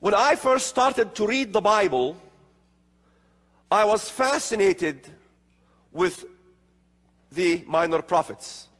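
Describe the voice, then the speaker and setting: A middle-aged man from the Middle East giving a slow, emphatic lecture at a prophecy conference in a large hall with an audience. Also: sits high, expressive, a bit bright. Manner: slow emphatic delivery with gestures. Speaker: conference speaker. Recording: long hall reverb.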